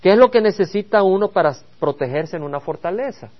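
A man's voice: high voice, expressive, fairly quick, highs cut off. A man preaching a Bible study sermon, earnest and addressing the congregation with rhetorical questions. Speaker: pastor.

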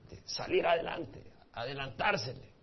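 A male pastor with a Salvadoran Spanish accent, from El Salvador, teaches Bible study conversationally, often asking the audience questions and restarting words. He speaks at medium pitch and a moderate pace, sounding expressive. Slight background noise sits under a dull lo-fi recording.

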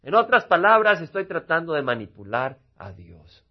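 A male pastor preaches a sermon in a husky, slightly raised voice. He swings from loud emphasis to quiet asides and acts out small dialogues along the way. The recording sounds dull and lo-fi. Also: on the high side, very animated, normal speed. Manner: acts out little quoted dialogues.

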